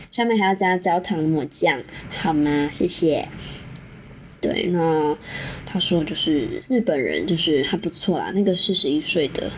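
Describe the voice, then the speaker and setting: A woman's voice: fairly low pitch, a little mellow, slight background noise. A young adult woman with a Taiwanese Mandarin accent hosting a solo podcast, telling a story in a frank, chatty way, swearing casually and laughing often. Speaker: podcast host.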